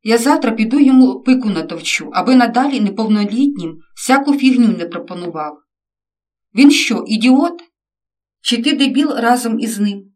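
A woman reading out the lines of an angry middle-aged father who scolds his son loudly, voiced a little raised. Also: mid-range voice, very animated, moderate pace, recorded from a distance. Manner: loud, scolding.

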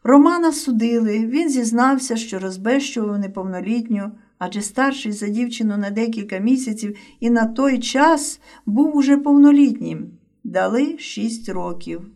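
A woman narrating a story in a measured, emotive reading voice. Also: on the high side, darkish tone, recorded from a distance.

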